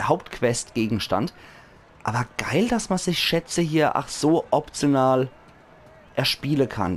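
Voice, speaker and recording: A hoarse man with a Palatinate German accent, chatting enthusiastically as he comments on a video game. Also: medium pitch, slight background noise. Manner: chatty, enthusiastic, laughs often. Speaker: let's play host. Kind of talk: casual gaming commentary.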